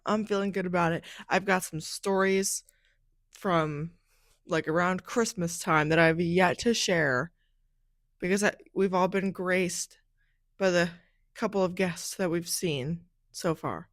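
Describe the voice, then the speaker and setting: A woman's voice: on the low side, unhurried, dry recording, studio quality. A young woman hosting her own podcast, telling stories in a casual solo chat. She keeps saying "like" and sounds a bit groggy from a nap. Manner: chatty, fills speech with "like". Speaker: podcast host.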